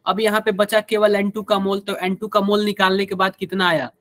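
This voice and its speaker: A man's voice: high voice, little pitch movement, fairly quick, a bit bright, no echo. A man with a Hindi accent teaching a live online chemistry class, quizzing students and using everyday examples.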